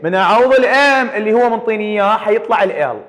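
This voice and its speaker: Iraqi guy teaching math fast, keeps quizzing the class, voice rings in a big echoey room. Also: sits high, fairly bright tone. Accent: Iraqi Arabic. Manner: quizzes students with repeated call-and-response questions. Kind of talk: classroom lecture.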